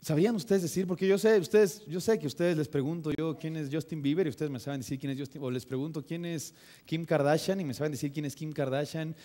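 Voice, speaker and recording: A young man with a Mexican Spanish accent delivers a sermon in a church, his voice sitting noticeably high for a man. He speaks conversationally, mixes in humor, and keeps turning to the congregation with rhetorical questions. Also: mellow. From northern Mexico. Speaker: preacher. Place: church sanctuary.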